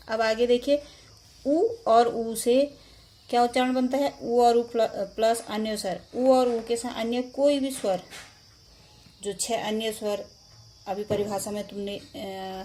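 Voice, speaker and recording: A woman's voice: medium pitch, darkish tone, a little hiss or hum. A woman teaching a grammar lesson, explaining rules step by step and correcting herself as she goes. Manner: slow, deliberate explanation with self-corrections.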